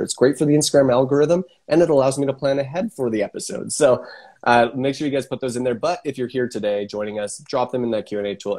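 Male host, mid-pitched, casual live interview, relaxed and upbeat. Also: breathy edge. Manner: laid-back, filler-heavy, enthusiastic. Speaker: podcast host.

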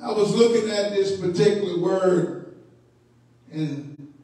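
In a high, warm voice, a bishop preaches a midweek Bible study, drawing out his words slowly and calling for responses from the congregation. The sound comes from far off in a reverberant church sanctuary.

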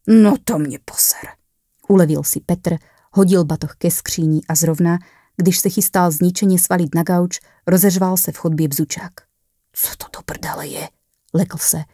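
A woman reads a horror short story aloud in a measured storytelling manner. Her voice sits low. The sound is dry and close. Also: dark tone, dry recording. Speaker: narrator.

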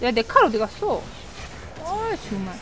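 A female game streamer commentating her own match live, exasperated, yelling at the game and grumbling to herself. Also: a little high, very animated, a little slow.

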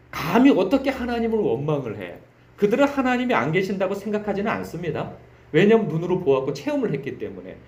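A man's voice: sits high, darkish tone, roomy sound. A man preaching an early-morning sermon as pastor, speaking emphatically with rhetorical questions and dramatic quoted laments.

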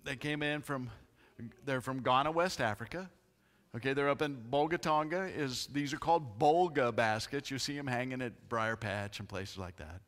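A man's voice: medium pitch, moderate pace. A middle-aged man giving church announcements in a chatty, laughing storytelling manner. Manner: chatty, animated storyteller who laughs often. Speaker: pastor. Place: church sanctuary. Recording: long hall reverb.

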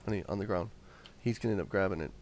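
A man, a father, chatting casually and upbeat on a voice call while leading his family through a video game, quick to joke. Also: low voice, a little mellow, slight background noise. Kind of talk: casual gaming chat.

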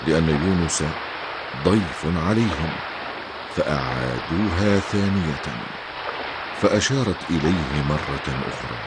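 An older man narrating a story as a grandfather, in a measured, solemn way. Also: a bass voice, lively intonation, heavy background noise.

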